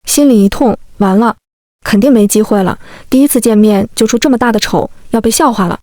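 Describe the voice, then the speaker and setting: A woman narrating a first-person story in a brisk, wry storytelling manner. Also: a little high, mellow, no room sound.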